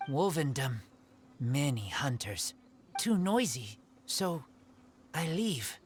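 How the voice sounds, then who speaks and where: A man's voice: a little high, very animated, slow pace, soft background music. A man voicing a shy feral teenage boy raised by wolves in an anime-style game, speaking in terse, broken phrases. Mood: guarded.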